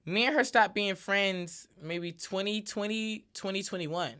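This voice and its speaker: A woman's voice: medium pitch, unhurried, fairly bright tone, clean tone. A woman hosting her own podcast, talking casually and emphatically on her own with a lot of repeated filler tags. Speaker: podcast host. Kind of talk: casual solo podcast monologue.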